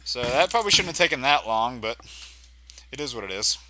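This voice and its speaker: Animated man commentating a video game. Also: mid-range voice, brisk, background noise. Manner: reactive, exclaiming. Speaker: gamer doing a live playthrough. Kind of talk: casual live gameplay commentary. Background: video game music and sound.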